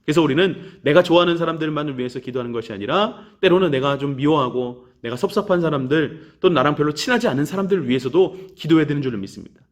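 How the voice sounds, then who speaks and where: Brisk, animated children's preacher man. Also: a little high. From Korea. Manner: animated storytelling, acts out quoted voices. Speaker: children's pastor. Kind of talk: children's sermon. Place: church.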